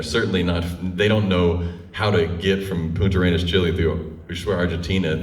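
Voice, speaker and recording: A male storyteller with a low-pitched voice recounts a personal tale in a conversational, comic style, animated and pausing for effect. He's recorded from some distance in a roomy space with plenty of echo.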